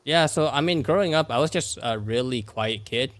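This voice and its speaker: Brief: young man in his twenties, podcast guest, hesitant and filler-heavy, mid pitch, dry close recording. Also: expressive, normal speed, no room sound. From California. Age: 20s. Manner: soft-spoken, many fillers and restarts. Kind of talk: casual podcast chat.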